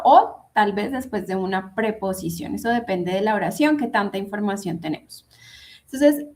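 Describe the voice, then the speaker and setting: A woman giving an online English grammar lesson, patiently repeating and spelling out each example. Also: on the high side. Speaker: English teacher.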